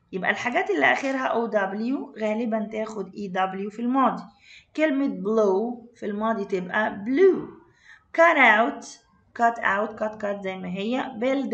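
A woman's voice: a little high, dull audio. A woman with an Egyptian Arabic accent teaching an online English lesson, explaining words in Arabic and asking her students questions. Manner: calls her students "my dears".

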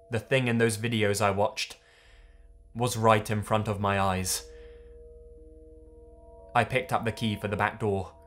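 Guy slowly narrating a creepy story, tense and dramatic, deep-ish voice. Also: fairly bright tone. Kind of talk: scripted horror story narration.

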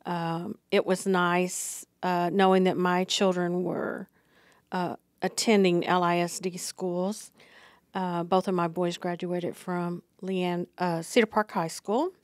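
A middle-aged woman talking as an interview guest in a small studio, unhurried and full of fillers. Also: on the low side, flat delivery, no room sound. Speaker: district receptionist, guest. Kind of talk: casual interview. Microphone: podcast mic on boom arm.

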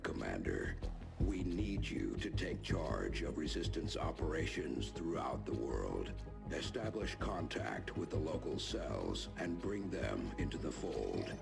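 A grave, mysterious council spokesman in a video game, his voice very deep and heavily gravelly. He speaks slowly and solemnly, with a measured briefing cadence. Game music plays clearly beneath him. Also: full character voice. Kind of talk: video game cutscene voice acting. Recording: game audio with music underneath.

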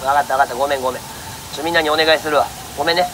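At a noisy outdoor autumn festival, a street performer with a slightly high voice banters with his audience in rapid-fire speech with fairly even intonation. He teases, scolds, and coaxes his monkey in jest while staying polite to the crowd.

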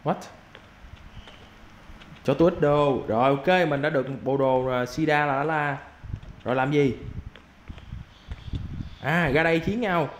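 A young man giving casual gameplay commentary as a YouTuber, excitable and quick to yelp and repeat his exclamations. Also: a little high. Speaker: gaming YouTuber. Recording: roomy with faint background noise.

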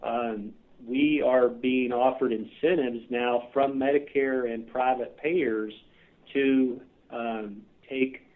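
A man's voice: mid-range voice, fairly even intonation, slow pace. Man on a tinny phone line. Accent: Midwestern American. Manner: earnest, many filler uhs. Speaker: clinic CEO guest. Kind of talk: podcast interview answers.

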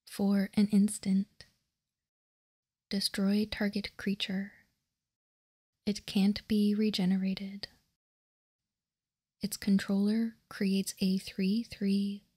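An ASMR host whispers close to the mic, reading card text aloud in a soft, breathy, unvoiced whisper. She speaks very slowly and deliberately, keeping her pitch even and flat.

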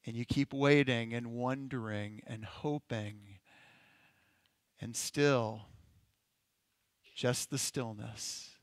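A male pastor leading a congregation through a slow, gentle guided-imagery meditation in a sermon. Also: mid-range voice, steady tone, no room sound. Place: church sanctuary.

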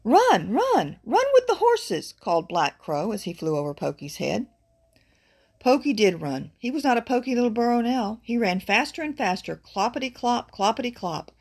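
A woman reads a children's picture book aloud, her voice gravelly and husky. Her pitch rises and falls in a lively, expressive way as she points out what is on each page. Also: moderate pace. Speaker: storybook reader.

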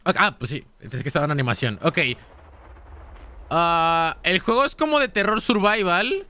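Bright-voiced excitable Mexican gaming streamer. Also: male voice, high voice, moderate pace. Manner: chatty, excitable, slangy, talks straight to chat. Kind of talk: live gaming commentary.

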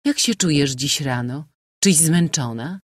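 An anxious aristocratic mother speaks with urgent earnestness, as a man reading the novel puts her on. Her voice sits higher than his own and presses forward. The recording is dry. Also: lively intonation, measured pace, no echo.

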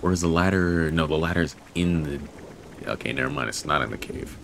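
A man's voice: very deep voice, expressive, brisk, vocal fry, fairly bright tone, slight background noise. A young man casually commentating a video game playthrough, rambling to himself and swearing freely. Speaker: gaming video creator. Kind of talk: casual let's-play commentary.

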